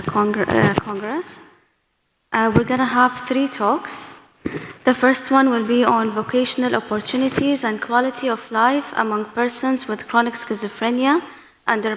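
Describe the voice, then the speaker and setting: A woman's voice: fairly high pitch, a little hiss or hum. A woman chairing a session, giving formal introductions of speakers, partly read out. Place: large conference hall. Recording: echoey hall with long reverb.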